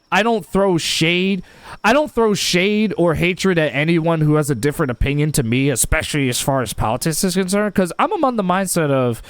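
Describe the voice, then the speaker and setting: Streaming a game live, a US man talks casually with his viewers in a clean, higher-pitched voice with no room sound. He frequently repeats himself and starts his words over.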